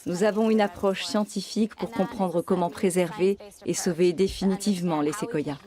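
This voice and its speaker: A woman's voice: lowish voice, fairly even intonation, normal speed. Woman biologist explaining, crowd behind. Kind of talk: explanatory voice-over account.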